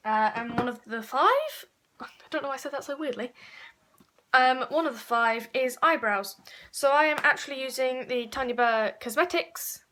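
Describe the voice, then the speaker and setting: A woman's voice: sits high, normal speed, sharp tone. A woman chatting her way through a makeup tutorial, rambling and correcting herself as she goes. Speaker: beauty vlogger.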